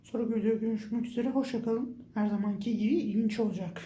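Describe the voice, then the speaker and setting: A man's voice: sits high, steady tone, quick pace, mellow, a little hiss or hum. A young man vlogging on his phone, frightened and exclaiming as he keeps talking to his viewers. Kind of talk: scared horror vlog, whispered asides.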